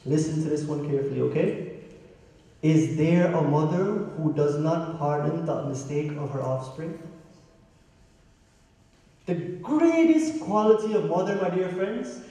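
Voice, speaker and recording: In an unhurried sermon full of long pauses, a pandit from Guyana uses a fairly high, warm voice to question his congregation and chant Sanskrit verses. He is recorded from afar in an echoing hall.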